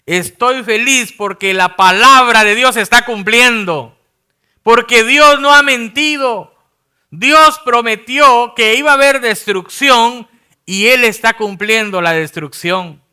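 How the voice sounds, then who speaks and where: A man's voice: very high-pitched, slow pace, bright, forceful tone, smooth, full character voice. A man voicing a joyful male rabbi who rejoices that prophecy is fulfilled, speaking with elated emphasis.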